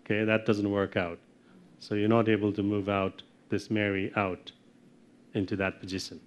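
A middle-aged man giving a technical lecture from slides, often checking in with "okay?" and clearing his throat. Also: on the low side, flat delivery, moderate pace, dull audio. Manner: explanatory, checks in with frequent "okay?". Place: darkened lecture room with projector screen.

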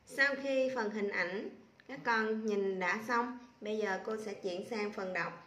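A woman teacher spelling out sounds and syllables aloud slowly for young children in a reading lesson. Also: medium pitch, a bit bright. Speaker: primary school teacher. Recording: echoey room.

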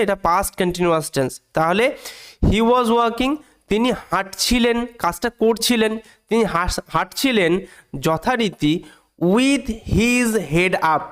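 A man teaching an English reading lesson, breaking each sentence into small parts and repeating phrases, drawing out the English words slowly. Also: sits high, clear, resonant tone.

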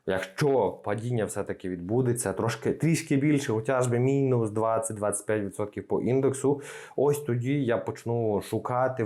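A man's voice: lowish voice, a little mellow. A man who runs an investing channel, talking loosely in a casual to-camera vlog with many fillers. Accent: Ukrainian. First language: Ukrainian. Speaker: investing blogger.

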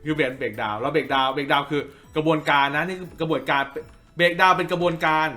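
Soft music plays behind a man leading a casual drawing lesson, where he stresses points by repeating phrases and keeps asking listeners tag questions to check in. He talks fast in a high, pushed, bright voice.

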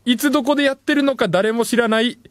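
A man hosting a late-night radio show, reading listener messages in playful, self-mocking banter and jumping suddenly into higher tones. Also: quick pace, dry recording. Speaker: radio host. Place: radio studio. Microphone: studio microphone.

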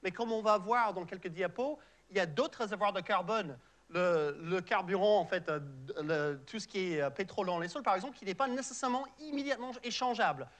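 His voice sits high, a little fast and fairly bright: a middle-aged Canadian researcher, a native English speaker with an English-Canadian accent, giving a public science lecture in a large auditorium. He explains patiently, with frequent fillers and restarts.

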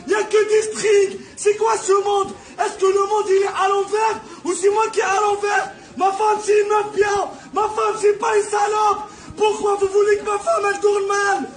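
Outraged man, very high strained voice, yelling in an echoey store with people around. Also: level tone, normal speed, few pauses, some chatter behind. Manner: outraged, shouting. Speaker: angry shopper. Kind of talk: shouted rant.

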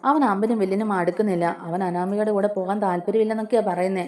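A woman's voice: medium pitch, steady tone, rapid-fire, warm tone, close to an everyday voice. A woman voicing a stern middle-aged mother who scolds her son and defends her daughter-in-law. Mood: scolding. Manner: scolding, commanding.

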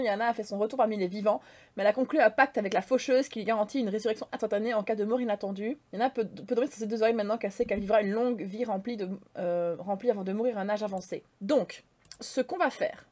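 A woman giving gushing, excitable commentary to her viewers as she plays a life-sim game. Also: on the high side. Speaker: gaming YouTuber. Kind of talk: casual Let's Play commentary.

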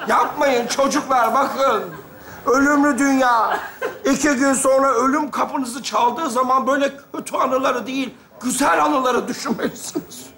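An actor playing a sentimental hospitalized teacher who preaches melodramatically about friendship. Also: male voice, very high voice, moderate pace, noisy background. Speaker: hospital patient. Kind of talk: studio sketch comedy.

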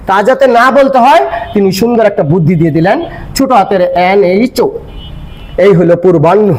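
A man's voice: sits high, darkish tone. An older man explaining grammar step by step, asking questions and then answering them himself. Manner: explanatory, asks and answers his own questions. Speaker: grammar teacher. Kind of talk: classroom-style grammar lesson.

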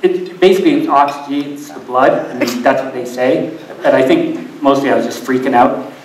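A man's voice: medium pitch, normal speed, background noise. An older man giving a live slideshow talk, rambling and self-deprecating, often laughing through his stories. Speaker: presenter at a climbing event. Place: event hall with live audience. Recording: echoey hall audio from far off.

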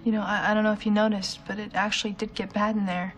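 A woman's voice: medium pitch, flat delivery, fast, lightly acted. Pointed young American woman over music acted. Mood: firm. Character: protective, needling, plain-spoken young woman. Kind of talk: television drama acting. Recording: dialogue over background music.

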